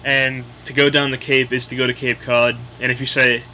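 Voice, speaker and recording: A man's voice: medium pitch, flat delivery, moderate pace, background noise. A man with a Boston accent casually explaining local slang in a blunt, opinionated, sweary way. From Boston area, United States.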